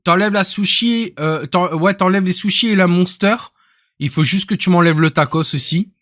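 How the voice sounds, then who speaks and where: Young guy from the north of france, northern accent, rambly streamer chat, voice on the high side. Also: moderate pace, a bit bright, no room sound, studio quality. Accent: northern French. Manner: rambling, jokey, trails off into mutters. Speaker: live streamer. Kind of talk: casual live-stream chat.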